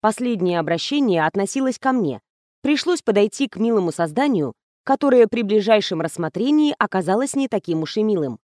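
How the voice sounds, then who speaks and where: A woman telling a comic first-person story with lively, ironic delivery. Her voice sits at a middle pitch. The sound is dry and close, with no room echo. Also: fairly quick. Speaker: audiobook narrator. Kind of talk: scripted narration.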